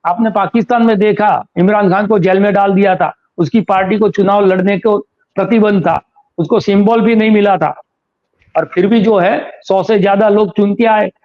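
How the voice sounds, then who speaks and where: A man with a high-pitched voice gives interview commentary as a political analyst, arguing his points and firing off rhetorical questions. The audio is a little dull and lo-fi. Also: steady tone, moderate pace. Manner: argumentative, fires rhetorical questions.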